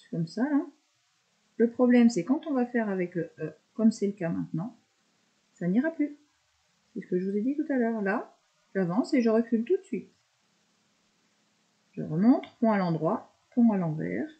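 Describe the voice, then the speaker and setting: Patient woman teacher, mellow lo-fi voice. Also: a little high, lively intonation. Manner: slow step-by-step verbalizing, patient. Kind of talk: handwriting lesson for young pupils.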